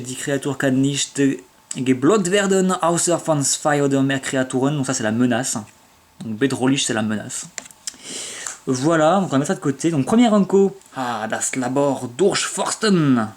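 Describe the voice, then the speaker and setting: An eager man chats his way through opening card packs, piling up fillers and restarts. He slows right down to sound out foreign card names. A faint hiss sits under the recording. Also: mid-range voice, a little mellow. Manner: chatty, enthusiastic, many fillers and restarts; reads out foreign card names slowly and haltingly. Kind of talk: casual card-opening commentary.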